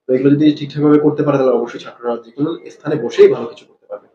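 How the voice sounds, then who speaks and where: A Bangladeshi man, an English teacher, testing students' speaking and explaining to viewers, mixing Bengali and English in a calm questioning way. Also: fairly high pitch, very fast, dull audio. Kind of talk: oral test and explanation to viewers. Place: classroom. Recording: echoey classroom with faint ambience.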